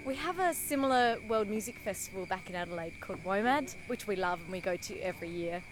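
A woman's voice: medium pitch, expressive, fast, poor audio. A woman from Australia, chatty and enthusiastic in a vox pop interview. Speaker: festival-goer. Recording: music playing behind.

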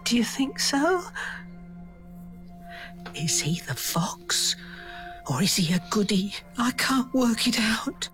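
An actress playing a very old, confused and frightened mother in an audio drama, asking halting, bewildered questions. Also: on the high side, sing-song, fairly bright tone, soft background music, full character voice.

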